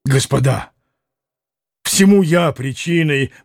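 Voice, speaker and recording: A man's voice: on the high side, takes it slowly, gravelly, dry recording, clean studio sound. A man reading aloud as an impulsive young man, exclaiming eagerly. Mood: excited. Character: impulsive excitable young man toasting loudly.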